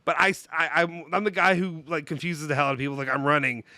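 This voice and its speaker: A man hosting a YouTube channel chats in a casual, jokey, rambling, self-deprecating way during a live stream, his voice nasal as if his nose is blocked. It sits on the high side, fast, pushed and bright, with no echo.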